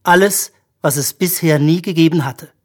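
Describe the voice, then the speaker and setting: A narrator reading a story for an audiobook in a measured, even-paced manner. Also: mid-range voice.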